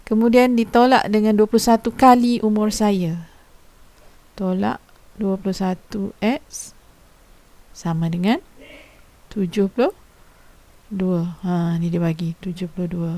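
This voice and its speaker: Woman teacher for a recorded lesson: mellow, dry close sound, patient and explanatory, casual asides. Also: medium pitch, fairly even intonation, a little slow, pauses often, no echo. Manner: patient explaining, poses questions to students; informal teacher's speech with frequent fillers.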